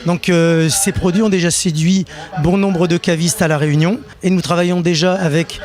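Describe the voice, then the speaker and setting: A man who runs a drinks import business, explaining his products in an articulate, measured way at a trade show. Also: sits high, fairly even intonation, darkish tone. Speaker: business owner.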